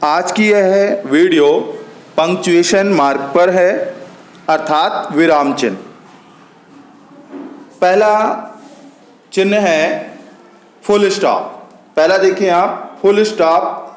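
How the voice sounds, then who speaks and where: A man's voice: sits high, slow pace, long pauses, reverberant. A man with an Indian accent teaching a grammar lesson, patient and repeating each point for his students.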